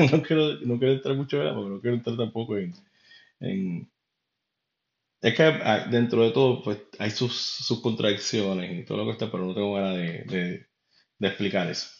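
Puerto Rican man, podcast host, casual opinion monologue, rambling, lowish voice, roomy dull recording. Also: steady tone, normal speed, gravelly. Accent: Puerto Rican Spanish. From Puerto Rico. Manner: rambling, conversational, addresses listener directly.

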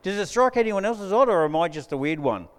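Preaching fast and animated in a voice that sits high, a pastor delivers a conversational sermon with jokes for the congregation. He's on a mic in a church hall, and the recording has long hall reverb.

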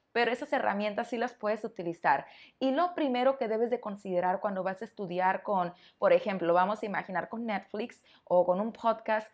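A woman gives a podcast lesson to Spanish learners. She explains in a friendly, conversational way, addressing the listener directly. She often asks rhetorical questions as she goes. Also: mid-range voice. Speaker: Spanish teacher.

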